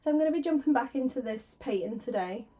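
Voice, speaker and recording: A woman on the high side, with lively intonation and a warm tone, talks fast as she livestreams herself painting. A sore throat makes her slightly hoarse, and she giggles nervously while chatting casually into her desk microphone.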